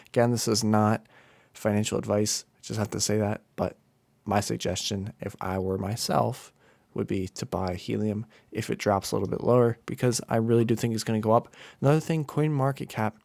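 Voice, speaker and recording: A man's voice: on the low side, gravelly, a little mellow, no room sound. A tired young man casually talking his viewers through crypto price charts, rambling with fillers and restarts. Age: young adult. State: tired from lack of sleep. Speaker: crypto YouTuber. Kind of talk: casual screen-share commentary.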